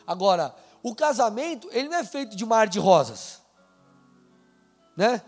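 A man preaching a sermon in a casual, conversational way, slowing down to read scripture aloud. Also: high-pitched, sing-song, big-room sound, faint music behind. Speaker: pastor. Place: church hall.

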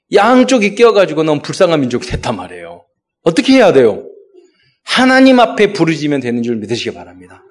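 A male pastor delivering a sermon, rising into exhortations and acting out quoted speech. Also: fairly high pitch.

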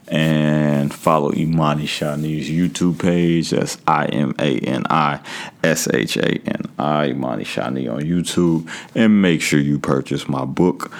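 A man hosting a podcast solo in a casual, slangy, conversational way, talking straight to his listeners. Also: rumbling low. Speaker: podcast host.

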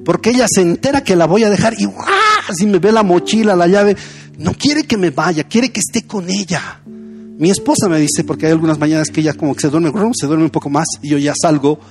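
A man's voice: fairly high pitch, fairly quick, darkish tone, faint music behind. A young man, a pastor giving a conversational sermon full of personal stories. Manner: conversational, anecdotal preaching.

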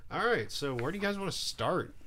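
A man's voice: a little high, animated, brisk, pushed and bright. A man hosting a casual podcast, goofy and jokey as he introduces the show. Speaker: podcast host.

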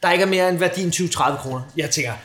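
A man hosting a podcast, telling a crude, animated anecdote in casual comic style. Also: high voice, echoey room. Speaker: podcast host. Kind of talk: casual comedic storytelling.

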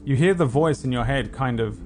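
A man narrating a tabletop game as game master, haltingly searching for words. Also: mid-range voice, slight background noise.

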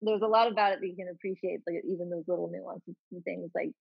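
A woman hosting a casual podcast chat, animated and talkative with lots of "like". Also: fairly low pitch, fast, creaky, husky, no room sound. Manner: animated, chatty, many fillers of "like". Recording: dry muffled lo-fi line.

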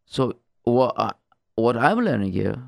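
Gravelly man teaching Torah haltingly. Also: medium pitch, no echo, clean studio sound. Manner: halting, repetitive, searching for words; animated rhetorical questions and exclamations. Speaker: religious teacher. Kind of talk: informal Torah talk.

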